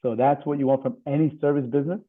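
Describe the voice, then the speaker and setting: A man, a real estate attorney, explaining things in a steady, measured way during a seminar. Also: a little high. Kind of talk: seminar presentation on video call. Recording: tinny phone-like call audio.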